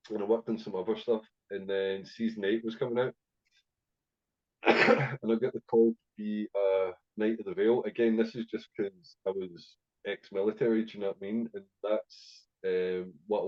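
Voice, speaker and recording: Heard through lo-fi sound, a Scottish man with a lowish voice spins stories as a guest on a podcast. The casual interview is full of rambling, fillers and free swearing.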